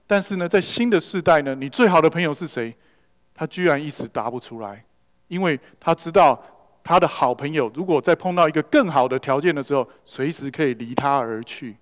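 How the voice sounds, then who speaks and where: Preaching in a church hall, the pastor weaves stories together and drops in English words here and there. His voice is fairly high and a little fast, carried by the long reverb of the large space.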